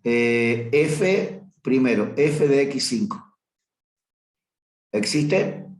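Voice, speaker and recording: A man's voice: medium pitch, lively intonation, drawn-out words. A man teaches a math review class in a plain middle register. He talks his way through a graph and keeps stopping to correct himself. His voice rings in a roomy, echoey space. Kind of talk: review class lecture on limits. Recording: roomy echo.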